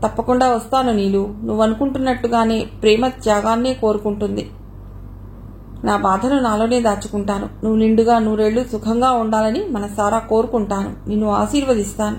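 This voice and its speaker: A woman's voice: a little high, fairly even intonation, brisk, a little mellow, slight background noise, natural voice, poor audio. A woman reading the part of a heartbroken young man who pleads and reproaches in an audio novel. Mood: resigned.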